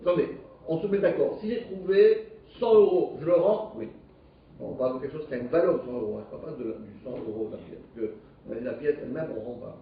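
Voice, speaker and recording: A man's voice: mid-range voice, quick pace. Man teaching Talmud in an echoey room. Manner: animated, questioning, explains step by step. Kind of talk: live Talmud class. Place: classroom. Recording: distant echoey dull live stream.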